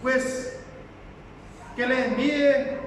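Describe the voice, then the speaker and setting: A man's voice: very high voice, little pitch movement, very slow, fairly bright tone, slight background noise, exaggerated voice. A man preaching who voices a tormented rich man crying out and begging for mercy. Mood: pleading. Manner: pleading, crying out. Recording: echoey hall, distant mic.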